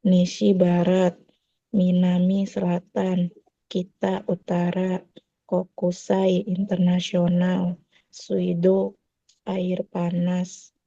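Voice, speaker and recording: A woman reads vocabulary aloud very slowly, with a dark, mellow voice. Her reading is careful and word by word, with little rise and fall. The sound is dull and dry, like lo-fi online call audio. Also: fairly low pitch, completely flat delivery, creaky, dry recording. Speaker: student.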